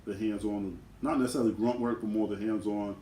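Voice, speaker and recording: A man co-hosting a casual question-and-answer video with his twin brother, talking in a relaxed, slangy way. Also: on the low side, a little fast, far from the mic. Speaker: co-host twin. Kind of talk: casual Q&A chat. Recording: echoey room with faint noise.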